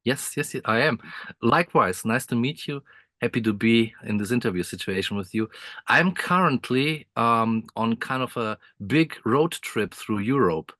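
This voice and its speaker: A man's voice: mid-range voice, expressive, normal speed, sharp tone, no echo. Chatty man on a video call from a motorhome. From Croatia. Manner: friendly, laughs often, many restarts and fillers. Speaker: guest composer. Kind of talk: casual interview chat. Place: inside a motorhome.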